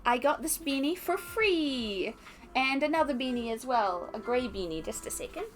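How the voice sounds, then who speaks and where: A young woman with an Australian accent chatting casually on a stream, animated and laughing often. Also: normal speed, faint music behind. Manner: chatty, reads chat aloud, laughs often, animated with pitch jumps. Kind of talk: casual chat while unboxing.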